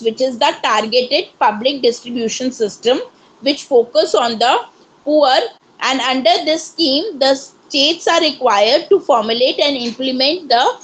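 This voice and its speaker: A woman with an Indian English accent, giving an online lecture as a course counsellor and explaining things in a steady way. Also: high-pitched, low-quality recording. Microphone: video call.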